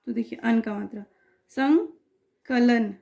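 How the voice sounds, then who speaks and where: Woman teacher, high voice, slow and patient, keeps asking if it's clear. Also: a little mellow. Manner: patient, repeats checks like "clear?" and "okay". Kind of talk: Hindi grammar lesson for exam students.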